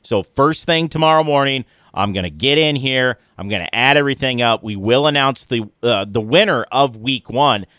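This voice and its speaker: A man's voice: mid-range voice, normal speed, hardly any pauses, sharp tone, no room sound. Casual male radio host, dry close sound. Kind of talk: casual off-the-cuff radio talk. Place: radio studio.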